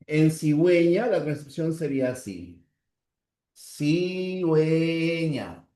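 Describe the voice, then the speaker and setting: A man teaching a class, slowly stretching out example words and checking in with students between points. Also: a little high, expressive, darkish tone, roomy sound. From Peru. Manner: slow, drawn-out spelling of example words; checks in with the class with short tags. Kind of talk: classroom lecture.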